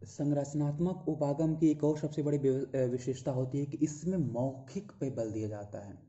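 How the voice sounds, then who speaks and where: A man lecturing on teaching methods in a very dark, mellow voice. He explains patiently, stopping for fillers and self-corrections and repeating key points to his students. The audio is dull and lo-fi. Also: mid-range voice, moderate pace. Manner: talks directly to students, repeating key phrases.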